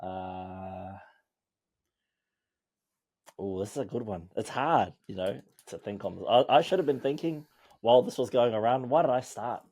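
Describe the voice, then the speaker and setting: A man's voice: on the low side, measured pace, pauses often, warm tone. A man co-hosting a casual podcast chat, joking around and slipping into mock sermons. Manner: joking, mock preacher bits. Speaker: podcast co-host.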